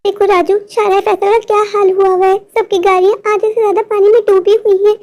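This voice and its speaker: A woman's voice: very high voice, flat delivery, fast, a little mellow. A performer voicing a timid, anxious young girl who pleads and worries in a cartoon. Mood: worried pleading. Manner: pleading, fearful.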